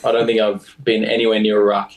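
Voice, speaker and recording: A man's voice: lowish voice, little pitch movement, fast, rough recording. Young Australian man telling rambling stories. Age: young adult. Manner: rambling, lots of fillers and laughs. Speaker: guest rugby player. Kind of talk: casual storytelling.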